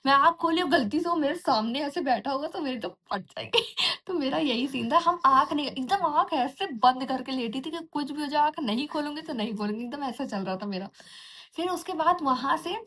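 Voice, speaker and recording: A woman's voice: high voice, a bit bright. A young woman vlogger casually telling a horror story from her own life. She talks in a chatty way, restarts often and mimics eerie sounds like jingling anklets and giggles. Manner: chatty, restarts often, mixes in English words.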